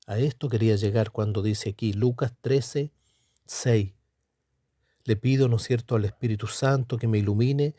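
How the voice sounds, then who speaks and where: Man preaching, middle-aged, warm mellow tone, dry recording, emphatic, rhetorical questions. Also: medium pitch, no room sound. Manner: emphatic, asks and answers his own questions; repeats tag question "¿no es cierto?". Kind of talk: Bible teaching sermon.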